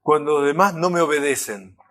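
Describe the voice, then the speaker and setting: A man with a Rioplatense accent gives an animated, conversational lecture. He keeps checking that the audience is following him. His voice sits fairly high for a man. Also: brisk. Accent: Rioplatense Spanish. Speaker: enneagram lecturer. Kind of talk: recorded lecture.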